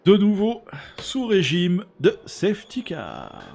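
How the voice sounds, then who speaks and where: A middle-aged man giving excited motorsport commentary, exclaiming and repeating words for emphasis. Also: high-pitched, takes it slowly, gravelly. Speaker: esports racing league commentator.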